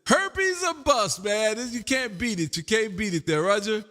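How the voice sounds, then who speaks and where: An amateur radio livestream host chats casually about ham radio from a room at home, his manner exuberant, folksy and chatty. The man's high, bright voice is expressive and forceful but unhurried, with faint music behind it and a long hall reverb.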